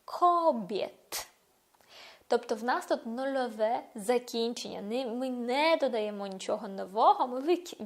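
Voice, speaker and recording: A woman teaching a Polish lesson for beginners, explaining patiently and saying example words slowly and carefully. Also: on the high side. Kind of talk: online language lesson.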